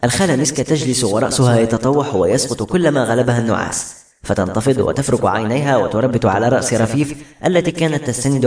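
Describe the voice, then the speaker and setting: A man reading a novel aloud in steady, earnest scripted narration. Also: medium pitch. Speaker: audiobook narrator. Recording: roomy echo.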